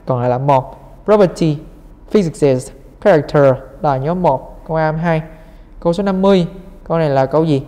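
A man's voice: a little high, fast talker, mellow, in a large hall. A young man teaching English, patiently going through exam answers step by step and speaking directly to his students. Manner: patient, step-by-step explaining, addressing students as "mấy em".

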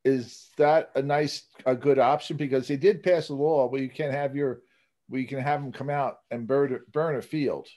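A man's voice: mid-range voice, steady tone, moderate pace, dark tone. A man in the audience asking a plain, conversational question on a video call. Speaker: audience member.

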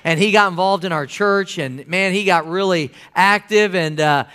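A man preaching a sermon as pastor, animated, acting out quotes and dropping folksy asides to the church. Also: high-pitched, moderate pace.

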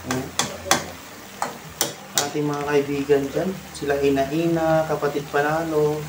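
A man with a Filipino accent hosting a casual cooking vlog, chatting and giving shout-outs to viewers while he stirs a pan. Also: on the high side, level tone, a little slow, noisy background. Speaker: cooking vlogger. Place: home kitchen, indoors, at a stove. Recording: roomy kitchen with loud sizzling and clattering pans.

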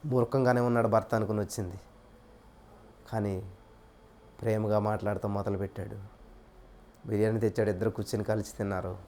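A man's voice: lowish voice, flat delivery, brisk, pauses often, darkish tone, slight background noise. A man preaching a sermon, telling a story with repetitive, emphatic phrasing.

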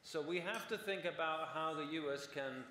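A slightly high, sharp-toned male voice at normal speed belongs to a man in his forties on a conference panel. He explains things at length, frequently adding "right?" to check in. The recording picks up a little hiss or hum and the long reverb of a roomy hall, from the stage of a large conference hall.

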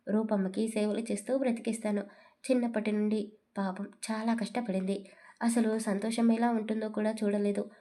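A humble, devoted old servant woman who speaks softly and earnestly, read by a woman narrator. Her tone is mellow and dark, at a medium pitch. It plays as a spoken storybook. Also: lightly acted. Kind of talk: audio story reading.

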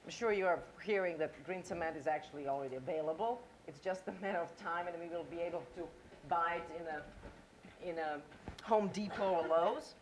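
In a lowish, brisk voice, a middle-aged Croatian woman with a matching accent delivers an engaging conference talk, putting questions to the lecture-hall audience. Slight background noise is audible.

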